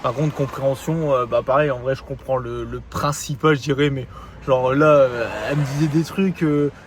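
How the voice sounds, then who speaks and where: A man's voice: medium pitch, fairly even intonation, normal speed. Young french guy vlogging on his phone outside, rambly and slangy, cars and street noise in the back. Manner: rambling, lots of fillers and slang. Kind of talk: casual diary vlog.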